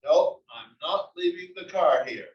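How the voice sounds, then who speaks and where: In a comedy table read held in a library room, a man plays a grumbling, exasperated old husband, complaining wryly and exclaiming. His voice is on the high side and animated, at a measured pace. The distant mic gives a dull, echoey sound.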